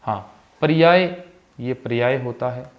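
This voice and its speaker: A male Hindi teacher runs an exam-prep spelling lesson, going over each word and its correct form again and again. His voice sits at a middling pitch and often sinks quietly at the end of a phrase. The recording is slightly dull and lo-fi. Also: unhurried. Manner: calls viewers "bhai", asks them questions; voice drops soft at the end of phrases.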